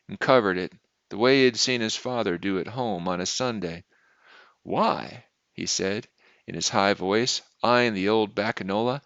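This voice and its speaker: A man narrating a short story aloud in a steady, measured reading, in a dull lo-fi recording. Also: on the low side, no room sound. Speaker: audiobook reader.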